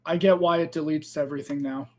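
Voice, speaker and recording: High-voiced chatty crypto streamer man. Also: steady tone, quick pace, darkish tone. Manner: chatty, loose, addresses viewers as guys and fam. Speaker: crypto livestream host. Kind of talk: casual live trading stream chat.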